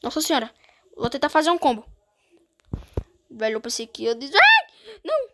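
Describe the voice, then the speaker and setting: A woman with a Brazilian Portuguese accent giving excitable gameplay commentary, often breaking into panicked exclamations. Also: high voice, fairly quick, very noisy. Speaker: gamer streamer.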